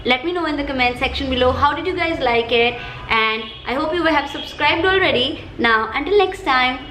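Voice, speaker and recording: At a normal speed, she delivers her chirpy shopping haul in a high, pushed, bright voice marked by an Indian accent, repeating words to stress them. Echo from the room and a faint background noise come through.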